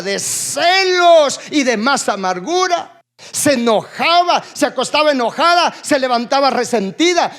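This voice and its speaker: In a church, a male pastor delivers a sermon, repeatedly questioning the congregation and prompting them to respond. His delivery alternates between loud outbursts and low, quiet asides.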